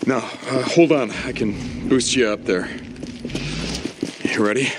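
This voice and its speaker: A man playing a rugged, cocky but protective American survivor in a video game, muttering and swearing in a halting way. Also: mid-range voice, lightly acted. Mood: gruff, focused. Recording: loud ambient game noise behind. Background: game ambience and noise.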